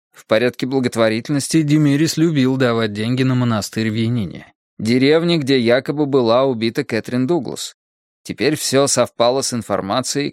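A man's voice: mid-range voice, darkish tone, no room sound. Dry close male audiobook narrator. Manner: measured, dramatic reading. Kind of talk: scripted narration.

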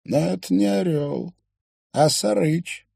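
A man reading an audiobook, voicing a kind old man who speaks slowly and sadly, with no hatred in his voice. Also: high-pitched, vocal fry, mellow, slightly rough, dry recording, studio quality, pitched above the performer's own voice, exaggerated voice. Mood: friendly. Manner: slow, mournful, without hatred. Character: gentle old widowed man, sorrowful and kind.

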